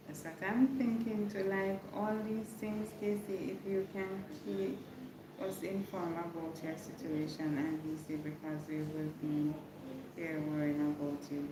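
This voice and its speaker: Low, unhurried Jamaican woman, echoey. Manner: repeats phrases for emphasis. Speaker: livestreamer giving a hurricane update. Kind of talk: casual live check-in chat with viewers. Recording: echoey room with clear background noise.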